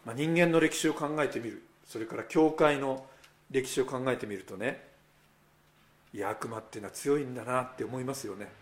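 A man preaches a sermon in an easy, conversational way. His voice sits at a middle pitch, and he turns often to the listeners with rhetorical asides. He lifts his voice when he quotes others. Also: brisk. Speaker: pastor.

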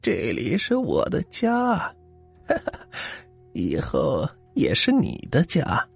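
A man voicing a sinister old granny in a ghost story, with a low, creaky, cackling voice. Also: huge pitch swings, extremely slow, soft background music, heavily acted. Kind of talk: storytelling character voice.

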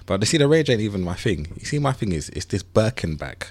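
With a lowish voice, a quick pace and a very animated delivery, this man in his thirties banters as a podcast co-host. He speaks with a London accent in the urban roadman style, chatting playfully in slang.

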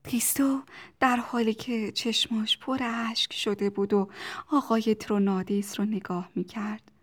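Calm lady reading a kids audiobook, even steady storytelling voice. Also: a little high. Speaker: narrator. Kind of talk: audiobook narration.

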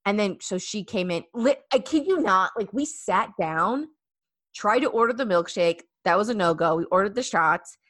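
A woman's voice: mid-range voice, expressive, moderate pace, fairly bright tone, no echo, studio quality. A young woman hosting a casual chat, telling a story animatedly with many fillers and acted-out quotes.

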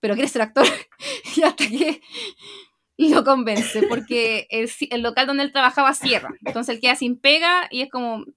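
A young Chilean woman chatting casually as a podcast co-host, retelling scenes with lively acted-out quotes. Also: high voice, unhurried. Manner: animated storytelling, acting out quotes. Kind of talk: casual chat.

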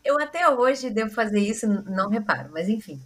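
A woman's voice: medium pitch, sing-song, a little fast. A woman with a Brazilian Portuguese accent hosting a podcast, chatty and rambling in casual conversation. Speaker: podcast host.

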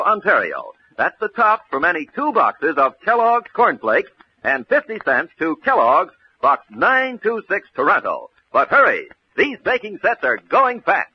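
A man giving an enthusiastic old-time children's radio sales pitch in a broad, singsong delivery. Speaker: radio advertisement announcer. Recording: dull old radio recording, faint noise.

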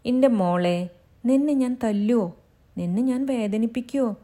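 A woman's voice: mid-range voice, very animated, normal speed, darkish tone, voice pushed up. A woman voicing a blustering but tender-hearted village husband in a storybook reading.

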